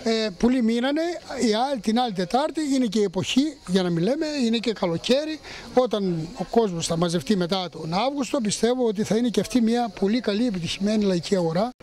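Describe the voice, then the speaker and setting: High-pitched man, halting interviewee. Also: animated, darkish tone. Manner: halting, with pauses mid-sentence. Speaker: municipal councillor. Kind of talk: on-location news interview. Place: outdoor street market. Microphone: handheld press microphones.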